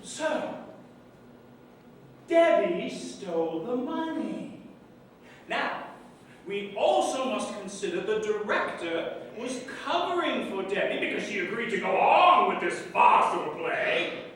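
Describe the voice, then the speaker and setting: A man's voice: sits high, very animated, takes it slowly, a bit bright, slight background noise, heavily acted. A man playing a pompous lecturing detective. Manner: lecturing, commanding. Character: pompous male detective running a murder inquiry. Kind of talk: stage play acting. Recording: echoey stage from far off, faint ambience.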